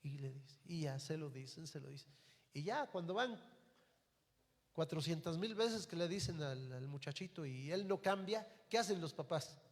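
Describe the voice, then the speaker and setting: A man's voice: a little high, expressive, normal speed. A man with a Mexican accent, a pastor preaching a sermon in a church, telling a story and then speaking earnestly and directly to parents and the congregation. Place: church hall. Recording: long hall reverb.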